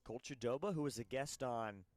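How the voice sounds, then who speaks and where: A man's voice: medium pitch, dry recording. A young man calling baseball play-by-play in a chatty, easygoing way. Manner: chatty, quick to laugh, calls the action crisply. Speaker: play-by-play announcer. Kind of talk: radio baseball commentary.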